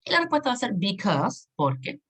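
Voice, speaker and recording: A woman's voice: mid-range voice, sing-song, a little fast, fairly bright tone, husky. Patient woman teaching a lesson. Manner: patient, repeats and checks understanding with asides. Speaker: English teacher. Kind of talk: recorded online lesson explaining grammar.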